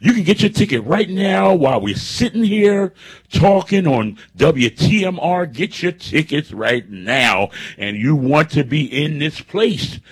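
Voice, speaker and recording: A gospel musician visiting a radio studio, emphatically promoting a concert and repeating "I'm telling you" to drive each point home. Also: male voice, a little high, expressive, unhurried, husky.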